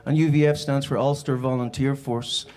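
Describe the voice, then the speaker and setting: A man from Northern Ireland, with an accent from around Belfast, delivers a live keynote on stage, chatting informally through personal stories. He speaks at a moderate pace in a mid-range, slightly mellow voice with little pitch movement.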